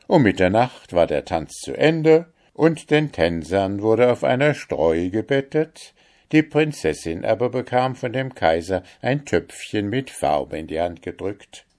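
A man reading a fairy tale aloud in a measured storytelling manner. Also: lowish voice, big pitch swings, darkish tone.

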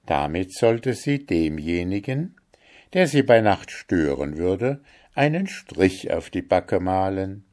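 A man reading a fairy tale aloud in a measured storytelling manner. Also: deep voice, very animated, a little mellow.

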